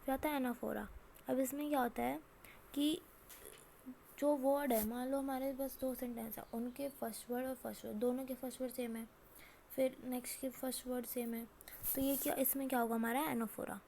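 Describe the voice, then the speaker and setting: A woman explains a lesson in a high, mellow voice. She poses questions and answers them herself, reading each example out slowly. A faint hiss of noise sits under the recording. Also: steady tone, creaky. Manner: asks and answers her own questions, reads examples slowly. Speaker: teacher. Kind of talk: classroom lesson.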